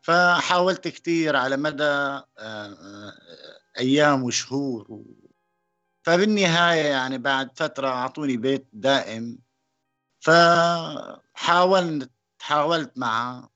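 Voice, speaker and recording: A man from Syria with a Syrian accent, giving a personal testimony in a halting way, with frequent pauses and restarts. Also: mid-range voice, sharp tone, dull audio, soft background music. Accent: Syrian Arabic. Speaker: interviewee.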